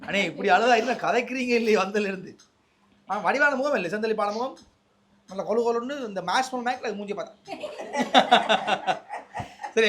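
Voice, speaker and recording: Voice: medium pitch, a bit bright, slight background noise. A presenter with a Sri Lankan Tamil accent, delivering a surprise gift and chatting in a playful, teasing way. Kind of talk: casual on-camera banter.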